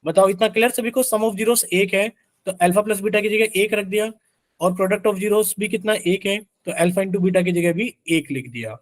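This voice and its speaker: A man teaching a live online math class in a fairly high voice. The sound is dry and close, as if into a headset on a call. He keeps quizzing his students and answers for them in their voice. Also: moderate pace, dry recording. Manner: asks students questions constantly, voices their replies as "sir".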